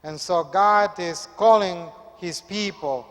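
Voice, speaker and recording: A priest, reading the Gospel and preaching in a measured, earnest way. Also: male voice, high-pitched. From Peru. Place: church. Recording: echoey church hall.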